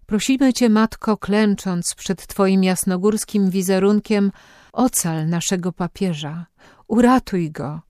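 A woman's voice: medium pitch, measured pace, dark tone, dry recording, clean studio sound, natural voice. A woman voicing a middle-aged priest leading a solemn, imploring prayer in an audiobook.

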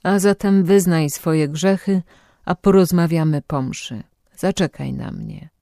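A man playing a gentle fatherly priest. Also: on the high side, a little slow, creaky, no room sound, clean studio sound. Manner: calm, soft, fatherly. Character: patient, gentle old Franciscan priest hearing confession.

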